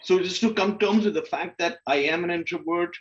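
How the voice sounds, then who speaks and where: Speaking fairly quickly in a high, fairly bright voice, a man joins a panel to talk openly about his own experiences. The sound is lo-fi. He's informal and conversational, often asking himself questions and voicing what's going through his head.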